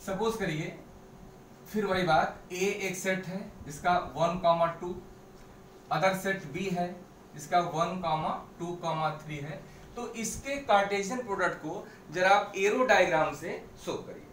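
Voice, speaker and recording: A man's voice: high-pitched, a little slow, fairly bright tone, slight background noise. A man teaching a maths class step by step, repeating key points and mixing English phrases into his explanations. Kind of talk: blackboard maths lesson. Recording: echoey room, mic at a distance.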